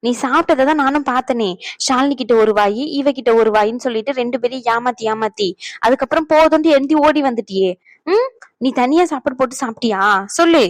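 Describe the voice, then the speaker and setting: A woman's voice: sits high, dry recording, lightly acted. A woman voicing a strict young mother, a doctor, who scolds and nags her child. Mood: nagging. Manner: scolding, nagging, rapid-fire.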